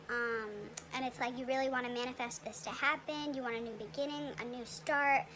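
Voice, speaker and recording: A woman's voice: sits high, a bit bright, slight background noise. A young woman giving a casual tarot reading with a retainer in her mouth, chatty and full of fillers and "okay?" tag questions. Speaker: tarot reader.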